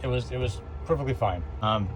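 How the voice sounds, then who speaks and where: A man's voice: mid-range voice, a little fast. A man chatting casually for a travel vlog inside a camper van, plain and matter-of-fact. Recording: steady noise, vehicle ambience.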